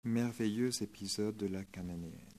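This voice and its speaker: A male preacher giving a sermon, retelling a scripture story in a lively, dramatic way. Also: on the low side, moderate pace, slight background noise.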